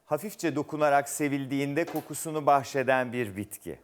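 A man's voice: medium pitch, brisk, clear, resonant tone. A man hosting a word quiz show, reading clues aloud and teasing the contestant in a playful way. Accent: Turkish. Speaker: game show host.

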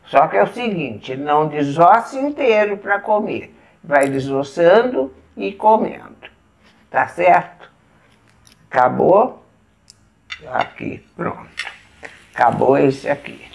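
Slow, gravelly Brazilian woman teaching table manners. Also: low-pitched, very animated, darkish tone. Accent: Brazilian Portuguese. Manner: patient, explains step by step while eating. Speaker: etiquette instructor. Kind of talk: casual demonstration.

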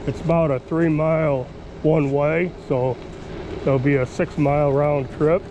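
A man's voice: on the high side, fairly even intonation, unhurried, muffled recording. A man talking in a casual, folksy vlog style while riding an electric scooter outdoors. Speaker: vlogger. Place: outdoors, riding along park roads and stopping at a pavilion. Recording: outdoor action camera with ambient noise.

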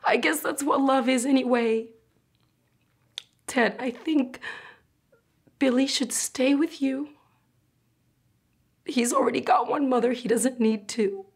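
A young woman acting a tragic, sorrowful, guilt-ridden mother in a dramatic monologue, with halting delivery. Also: high voice, slightly rough, full character voice. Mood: tearful resignation. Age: young adult. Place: indoor studio with plain backdrop.

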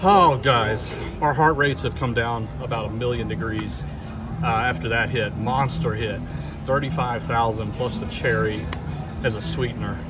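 A man giving excited, casual gambling commentary, speaking directly to viewers in an exclamatory way as a channel host. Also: mid-range voice, moderate pace. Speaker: slot machine channel host. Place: casino floor, beside slot machine. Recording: distant mic, loud casino music. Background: loud slot machine music.

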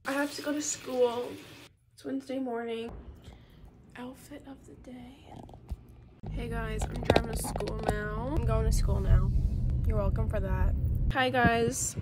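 High-voiced chatty teen girl vlogging. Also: noisy background. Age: teens. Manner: chatty, rambling, giggly. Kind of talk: casual diary vlog.

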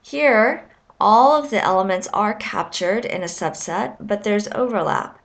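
A woman lecturer giving a recorded lesson, explaining with measured, clear phrasing and the odd filler. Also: mid-range voice.

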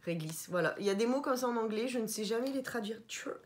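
A woman vlogging casually about her shopping haul, chatty and animated, stumbling over foreign words, and sounding tired. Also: fairly high pitch, fast talker, slight background noise. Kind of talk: casual haul vlog chat.

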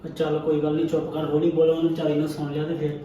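A man playing a calm, soothing husband. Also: fairly high pitch, rapid-fire, recorded from a distance, a little hiss or hum, close to an everyday voice. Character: patient, kindly husband and elder brother. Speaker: actor in a family web drama. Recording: echoey room, faint music.

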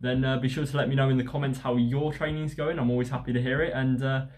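A man talking casually about his running training in a relaxed, rambling way with lots of fillers. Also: mid-range voice, quick pace. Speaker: running vlogger. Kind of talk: casual vlog narration.

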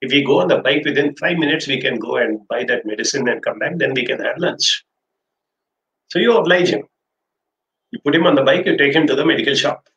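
A man's voice: mid-range voice, brisk, a bit bright, highs cut off. An older man with an Indian accent giving an illustrative lecture as a trainer, telling anecdotes and acting out the dialogue. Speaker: trainer giving an online class. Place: small indoor office. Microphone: webcam livestream from desk distance. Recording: roomy echo with background noise.

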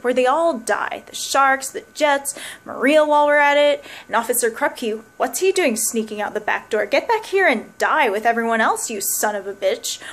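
A young woman playing an embittered, wry, grieving woman in a searching dramatic soliloquy that moves between musing and bitterness. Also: on the high side. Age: young adult. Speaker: actor performing a monologue. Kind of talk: dramatic theatrical monologue. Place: small plain room indoors.

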